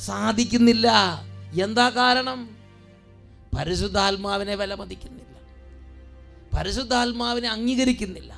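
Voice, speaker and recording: A man preaching a fervent sermon who stresses his points by repeating phrases and drawing key words out slowly. He also calls on his listeners to shout responses. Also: very high voice, vocal fry.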